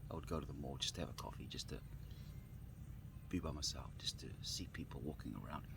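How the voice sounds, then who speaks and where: A man with a very low voice tells a personal story outdoors. He talks in a halting, unhurried way and often restarts or repeats his phrases. Faint birdsong and outdoor ambience sit quietly behind him. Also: vocal fry, background noise. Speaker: vlogger. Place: outdoors on grass.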